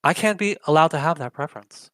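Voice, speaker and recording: Young guy ranting his opinions, pushy rhetorical questions, fairly high voice, super dry mic. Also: fast talker, fairly bright tone, no room sound. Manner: argumentative, emphatic, rhetorical questions. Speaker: political commentary host. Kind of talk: opinionated commentary chat.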